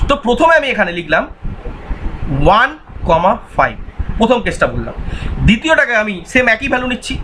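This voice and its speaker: High, bright-voiced math teacher. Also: male voice, big pitch swings, a little fast, long pauses, a little hiss or hum. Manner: repetitive, quizzing, voices imagined student answers. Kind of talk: recorded online exam-prep lecture.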